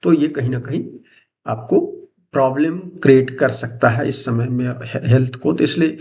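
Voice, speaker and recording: A middle-aged man talks through an astrology lesson in a loose, informal teaching manner, sometimes breaking off and restarting a word. His voice has a gravelly, creaky grain at a mid pitch. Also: normal speed, darkish tone. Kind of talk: explanatory astrology lecture.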